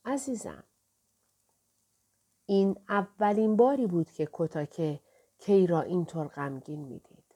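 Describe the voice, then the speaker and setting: Woman, audiobook narration, calm and measured, mellow warm tone. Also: fairly low pitch. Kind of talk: scripted narration.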